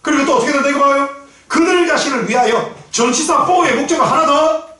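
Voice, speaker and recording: A man teaching an English class in a lecture style, blunt and profane, shouting at times and drilling pronunciation. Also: very high voice, fast. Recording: very echoey room from far off.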